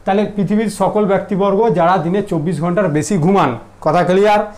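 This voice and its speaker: A man's voice: high-pitched, brisk, a little mellow. Male tutor, casual lecture; teasing, keeps quizzing students with check questions. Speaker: mathematics teacher.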